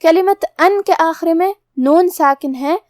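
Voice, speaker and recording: A woman with a high, light voice explains recitation rules step by step as a teacher. Her delivery is measured and methodical, and the sound is close and dry with no room echo. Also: a little mellow.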